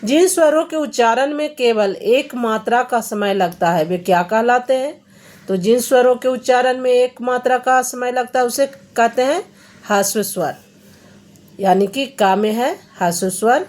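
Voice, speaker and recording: Slow, patient woman teaching Hindi grammar. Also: a little high, darkish tone. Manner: slow, patient, reads each question then explains the answer. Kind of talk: explaining grammar answers to students.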